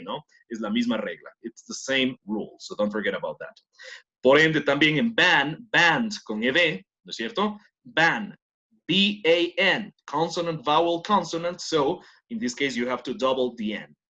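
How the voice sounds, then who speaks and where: A man's voice: medium pitch, bright, forceful tone. Latin American man teaching English, muffled. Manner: explains step by step, frequent "¿no es cierto?" tag questions. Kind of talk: online class lecture.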